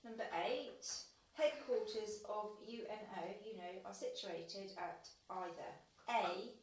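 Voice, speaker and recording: A woman's voice: mid-range voice, slow pace, darkish tone. A woman acting as quizmaster, casually reading out multiple-choice questions in an echoey bathroom, away from the microphone. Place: small tiled bathroom with shower. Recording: echoey, distant mic with light noise.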